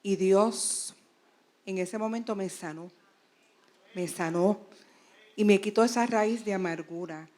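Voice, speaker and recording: A woman with a Puerto Rican accent shares her own testimony with a church class. She speaks at an ordinary middle pitch. She tells her story earnestly and with fervor, building it piece by piece. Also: takes it slowly, long pauses, a little mellow. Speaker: pastor giving testimony in class. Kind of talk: personal testimony.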